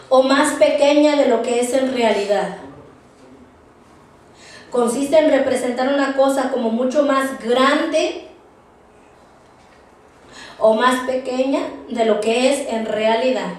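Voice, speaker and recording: A high-pitched woman leads a Bible study lesson, slow and halting, circling back over her words and spelling terms out letter by letter. She is heard from a distance in a very echoey room with faint background noise. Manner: halting, repeats words, tags phrases with "¿verdad?"; spells words out slowly for note-taking. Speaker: Bible class teacher.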